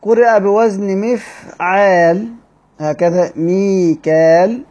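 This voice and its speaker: A man with an Egyptian accent teaching Quranic readings in a study-circle lecture, explaining step by step and drawing out key words slowly. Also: sits high, dark tone. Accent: Egyptian Arabic. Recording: dull lo-fi recording.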